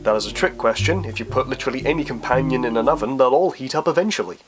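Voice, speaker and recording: Speaking fast and animatedly over music, a man in his twenties with a medium-pitched voice fields viewer questions on his YouTube channel. His casual talk to camera has a wry, self-mocking edge.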